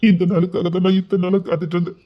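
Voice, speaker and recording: Husky-voiced man telling an emotional story. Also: sits high, flat delivery, racing. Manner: emotional, tearful delivery of his characters. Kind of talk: dramatic audio story narration. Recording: dull lo-fi recording.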